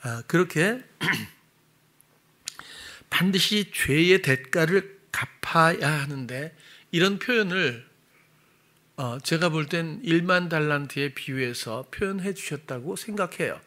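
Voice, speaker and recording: A middle-aged male pastor preaches in an easy, conversational way, stopping to work out sums aloud and correct himself. His voice sits somewhat high with a bright, forceful edge. On key points he grows louder and higher, then falls back to a soft, quiet delivery. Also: animated, slow. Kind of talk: sermon.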